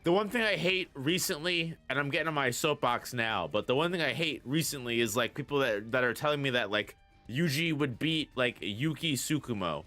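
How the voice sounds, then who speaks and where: A man's voice: mid-range voice, lively intonation, normal speed, sharp tone, faint music behind. A young man hosting a casual anime discussion, rambling with lots of fillers and restarts. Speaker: channel host.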